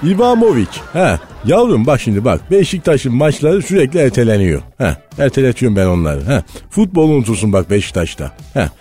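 A man's voice: medium pitch, sing-song, fairly quick, hardly any pauses, soft background music, lightly acted. A man playing a blustering older male football club president who bosses people around and curses. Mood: on phone. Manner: bossy, curses, shouts into phone. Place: radio studio.

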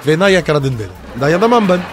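A man's voice: on the high side, sing-song, fast, a little hiss or hum. A man co-hosting a comedy radio show, playful and mock-pleading, reeling off blessings in a beggar's patter. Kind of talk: comic radio banter.

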